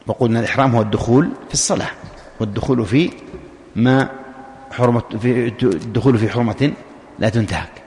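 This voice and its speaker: A man of ordinary pitch teaches a religious class in an explanatory way. He repeats key points and poses questions he answers himself. His voice rings through a hall with a long reverb tail. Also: fast, long pauses, a little mellow, slight background noise. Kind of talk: classroom lesson explaining a legal text.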